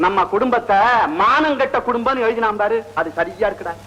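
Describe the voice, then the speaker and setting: A man's voice: high voice, a little fast, pushed and bright, rough recording. An actor playing a weary middle-aged father with dry, mocking humor in old film dialogue. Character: weary, sarcastic father of a grown son.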